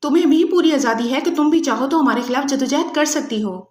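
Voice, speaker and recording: A woman's voice: sits high, darkish tone, reverberant, natural voice. A woman voicing a ruthless female agent who taunts her captive with cold sarcasm. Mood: sarcastic menace. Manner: mocking, sarcastic, menacing.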